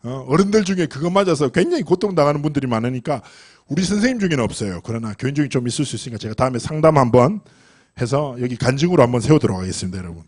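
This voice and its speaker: A middle-aged man from Korea preaching a lively youth sermon, moving from hushed asides to loud exhortation. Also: medium pitch, rapid-fire. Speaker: youth pastor.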